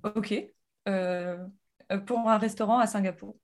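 Woman in her thirties, from France, casual storytelling, animated, lots of fillers and restarts, medium pitch. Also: a little slow. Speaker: guest entrepreneur.

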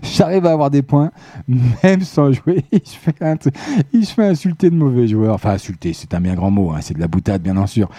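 A man hosting a live evening radio show, chatty and joking with listeners, his voice going hoarse. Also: medium pitch, brisk, warm tone, no echo. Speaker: radio host. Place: radio studio.

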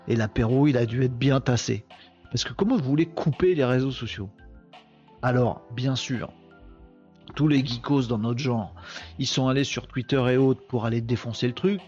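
A man's voice: mid-range voice, a little mellow, muffled recording. A man hosting a live tech-news stream, talking casually and with slang, joking and addressing viewers directly. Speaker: live show host.

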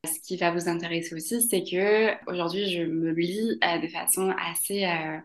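Mexican-born woman with a low voice. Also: fairly even intonation, moderate pace, echoey room. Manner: warm, hesitant with many fillers, laughs often. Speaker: guest. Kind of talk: casual interview.

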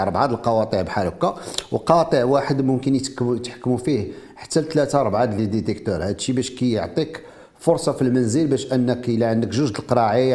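An inventor, a man with a mid-range, dark-toned voice and a Moroccan Arabic accent, explains and demonstrates a product during an interview. He mixes French technical terms into his speech.

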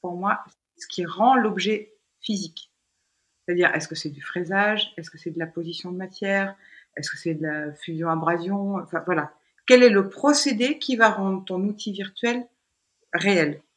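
A woman's voice: lowish voice, normal speed. A middle-aged woman, a dentist, explaining technical points emphatically in a podcast conversation.

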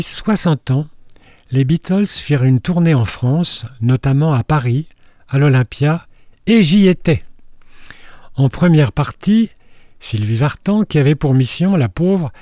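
Older male radio film columnist, dark mellow tone, dry close sound, wry scripted delivery. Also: fairly high pitch, dry recording. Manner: wry, storytelling asides.

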